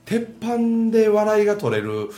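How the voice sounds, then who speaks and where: A man's voice: sits high, unhurried, reverberant. A man with a Kansai accent, talking casually about how he would tell a story, with many fillers. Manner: animated, lots of fillers and acted-out quotes. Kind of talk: casual chat.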